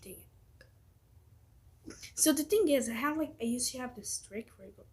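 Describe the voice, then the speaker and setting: Very husky, breathy female vlogger. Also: sits high, animated. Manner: halting, informal, slangy. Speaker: amateur vlogger. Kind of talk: casual chat to viewers.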